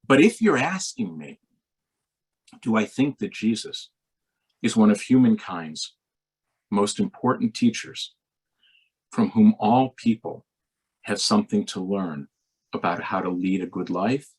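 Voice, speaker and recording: A man, a rabbi, telling a story in an animated, expressive way. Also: fairly low pitch, unhurried, pauses often, husky. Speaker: rabbi and speaker. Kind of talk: storytelling talk.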